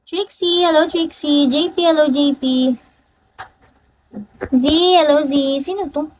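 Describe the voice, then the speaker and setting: High-voiced young woman live streamer. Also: unhurried, rough recording. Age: young adult. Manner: playful, teasing, greets viewers by name. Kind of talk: casual live stream chat greeting viewers.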